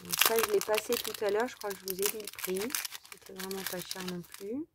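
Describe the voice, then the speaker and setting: A woman's voice: medium pitch, fairly even intonation, brisk, heavy background noise. A woman casually chatting through a craft haul for her followers, enthusiastic and full of fillers. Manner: chatty, enthusiastic about small items, lots of fillers. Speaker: craft vlogger showing a haul. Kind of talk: casual haul vlog, showing items to camera.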